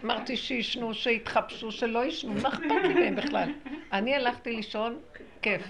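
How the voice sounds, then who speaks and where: A woman teaching a spiritual lesson to a small group, animated, acting out quotes and laughing often. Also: fairly high pitch, gravelly, a loud crowd.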